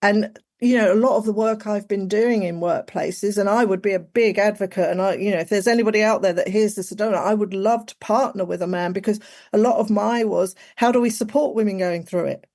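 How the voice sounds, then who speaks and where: Woman, forties, podcast guest, chatty, everyday mid pitch, talks in loose asides. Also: brisk, a little mellow. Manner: chatty, frequent "like" and "you know". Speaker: guest, executive coach. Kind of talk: casual podcast conversation.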